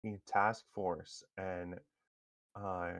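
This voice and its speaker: Slow, deep-voiced male game master. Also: level tone, a bit bright. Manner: halting, many fillers and restarts. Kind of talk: narrating a tabletop superhero game.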